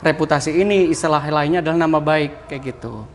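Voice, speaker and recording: As a podcast guest and communication mentor, this man speaks fairly quickly in a fairly high voice with a strong ngapak (Javanese Banyumas) accent. In the relaxed interview he laughs readily and keeps ending points with "kayak gitu," over faint room ambience and slight background noise.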